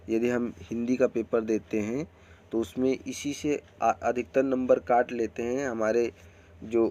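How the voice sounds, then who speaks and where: A man's voice: mid-range voice, mellow. Man explaining a grammar lesson. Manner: slow, explanatory delivery with friendly addresses to viewers. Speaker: teacher and channel host.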